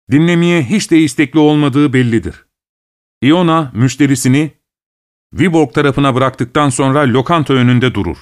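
A man narrating a short story as an audiobook in a calm, measured reading voice. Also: mid-range voice.

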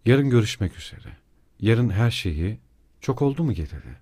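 A man's voice: lowish voice, very animated, moderate pace, dark tone, slightly rough, dry recording, studio quality. A man voicing a feverish young male student who speaks in strained, broken-off bursts. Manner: strained, breaking off abruptly.

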